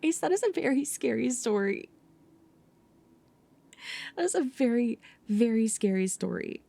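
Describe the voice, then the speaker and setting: A woman hosting a casual ASMR livestream in a hushed, playful, teasing way, often slipping into a whisper. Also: on the high side, very animated, measured pace, vocal fry. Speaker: livestreamer host.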